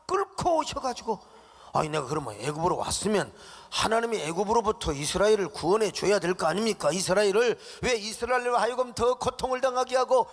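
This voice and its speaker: A preacher doing an indignant, pleading Moses. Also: male voice, high voice, vocal fry, voice pushed up. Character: Moses, exasperated male prophet complaining. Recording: long church reverb.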